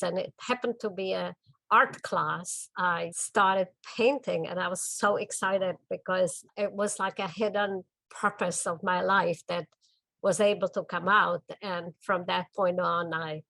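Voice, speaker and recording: An older Czech woman artist, speaking with a Czech accent, talks gently and thoughtfully about her art in a documentary interview in her home studio, pausing briefly now and then. Her voice is lowish and gravelly, with no room sound.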